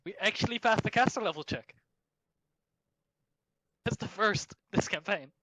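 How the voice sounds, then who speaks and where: A man's voice: high voice, lively intonation, normal speed, bright, forceful tone. A man playing a tabletop game, joking around and chatting loosely. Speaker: player. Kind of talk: casual tabletop game chat.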